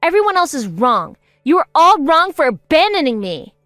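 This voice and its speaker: A woman's voice: fairly high pitch, animated, normal speed, no echo, studio quality, faint music behind. A woman voicing a selfish, spiteful wife in her fifties who turns defensive and self-pitying in a story drama. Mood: pleading.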